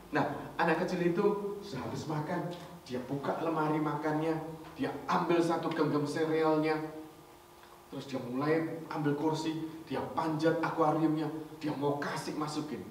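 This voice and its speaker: Animated pastor in an echoing hall. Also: male voice, a little high, moderate pace. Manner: chatty and animated, mixing in English phrases, asks the congregation. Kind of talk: storytelling sermon. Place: church hall. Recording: very echoey hall, mic far off, faint noise.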